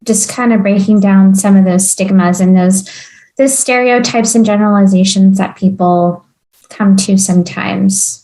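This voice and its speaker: A woman's voice: mid-range voice, fairly even intonation, normal speed, dark tone, low-quality recording. A woman hosting a podcast, speaking in an earnest, easygoing conversational way. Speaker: podcast host. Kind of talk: casual conversational interview.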